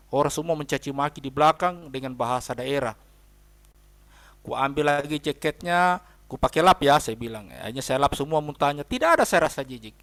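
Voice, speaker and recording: Gravelly-voiced man preaching a sermon. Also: fairly high pitch, a bit bright. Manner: emphatic, repeatedly addresses listeners as brothers and sisters. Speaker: pastor. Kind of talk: sermon with personal story.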